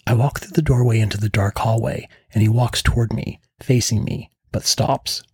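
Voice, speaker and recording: A man reading a first-person story in a calm, low-key narration as a podcast host. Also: normal speed, breathy edge, no echo, clean studio sound.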